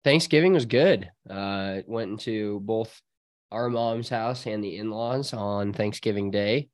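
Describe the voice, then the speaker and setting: A man's voice: on the low side, unhurried, dry recording, clean studio sound. An American man co-hosting a casual chat, talking in a rambling, slangy way. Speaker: podcast co-host.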